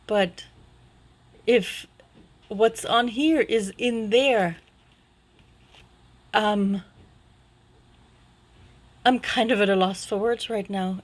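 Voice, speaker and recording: A woman in a casual unboxing vlog, excited and gasping with delight, sometimes dropping to a hushed whisper. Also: medium pitch, low-quality recording. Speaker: vlogger unboxing a package.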